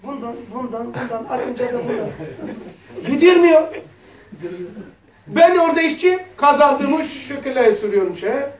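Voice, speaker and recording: A man's voice: very high-pitched, lively intonation, normal speed, hardly any pauses. A man giving a religious lesson, telling stories in a casual, colloquial way with blunt slang asides. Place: lesson room. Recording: roomy echo, mic far off.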